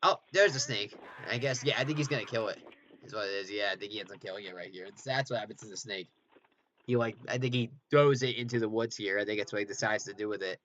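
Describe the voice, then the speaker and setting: A man gives a casual director's commentary over his film. His voice is bright and forward, and he rambles, corrects himself and adds chuckling asides. The recording is dull and lo-fi, with a faint hiss underneath. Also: fairly low pitch, quick pace.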